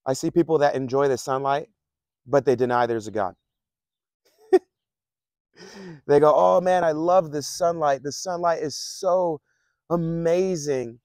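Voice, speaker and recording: A man's voice: on the high side, measured pace, pauses often, a little mellow, dry recording. Man, pastor, loose chatty sermon, repeats himself, dry close sound. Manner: conversational, repeats phrases, chuckles often. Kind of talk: casual sermon.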